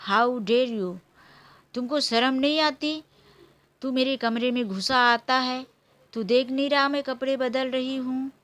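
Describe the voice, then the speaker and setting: A woman voicing a shrill, accusing teenage girl. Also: measured pace. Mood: outraged. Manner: shouting, scolding. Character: angry spoiled teenage granddaughter, shrill and accusing. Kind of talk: storybook character voice.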